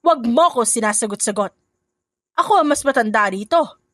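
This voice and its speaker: A woman's voice: on the high side, lively intonation, moderate pace, dry recording, clean studio sound. Woman voicing a two-faced scheming stepmother. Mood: scolding. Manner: sharp, scornful, sugary when on calls.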